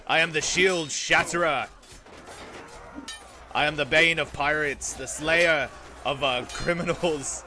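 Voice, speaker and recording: A man's voice: on the high side, fairly even intonation, slow pace, long pauses, over music, pitched above the performer's own voice. A man voicing a brash, foul-mouthed raider captain rallying his men in a video game role-play, rowdy and swaggering. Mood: boastful.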